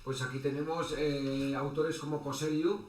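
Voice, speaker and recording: A man giving an online lecture as a teacher, halting, with many fillers and restarts. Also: fairly high pitch, level tone. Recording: echoey room with faint background noise.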